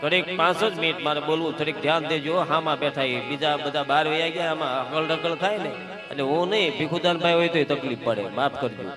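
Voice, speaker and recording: A man's voice: a little high, fairly quick, music in the background. A man, telling joking folk stories on a stage at a devotional gathering in a chatty, sing-song way. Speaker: folk storyteller and devotional singer.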